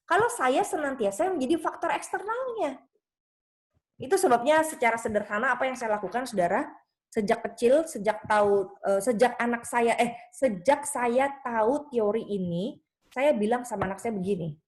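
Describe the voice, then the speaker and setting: A woman pastor giving a conversational seminar talk, telling lively stories and jumping up in pitch whenever she quotes someone. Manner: lively storytelling that leaps high in pitch when quoting others; conversational, with frequent tag phrases. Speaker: pastor and speaker on children's faith.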